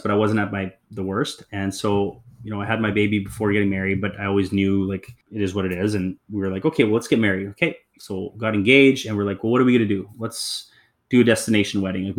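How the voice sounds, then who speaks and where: A man in his thirties, an interview guest telling his personal story in a candid, reflective, loose conversational way. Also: lowish voice.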